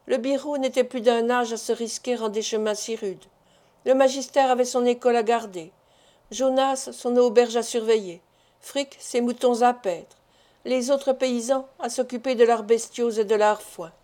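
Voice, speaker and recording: A woman with a voice on the high side narrates a classic novel as an audiobook, reading in a measured, expressive way.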